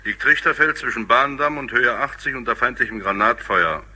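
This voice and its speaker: A man playing a dutiful lance corporal repeating messages in a flat military manner over a field telephone in a war radio play. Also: medium pitch, a little fast, husky.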